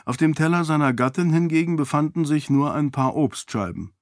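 A man calmly narrating a fantasy audiobook in a measured, even way, close to the mic. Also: fairly high pitch, no room sound. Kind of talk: scripted narration.

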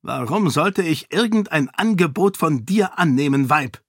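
A man voicing a quick-tempered, greedy middle-aged king who snaps scornfully in a storybook reading. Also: a little high, lively intonation, husky, no room sound, clean studio sound, pitched above the performer's own voice, full character voice. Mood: angry. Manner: snapping, scornful, loud.

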